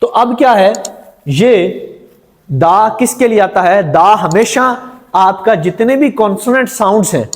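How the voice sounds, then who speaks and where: A man teaches grammar to a classroom, asking questions and repeating the answers back to the students. His voice sits fairly high. He speaks slowly and deliberately. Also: lively intonation. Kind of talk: classroom lecture.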